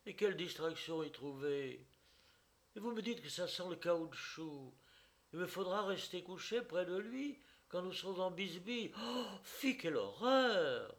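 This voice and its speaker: A man voicing a flighty, pretty young woman who is capricious and quick to take offence, in a read-aloud story. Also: high voice, big pitch swings, fairly bright tone, voice pushed up, heavily acted. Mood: indignant. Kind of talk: audiobook character voice.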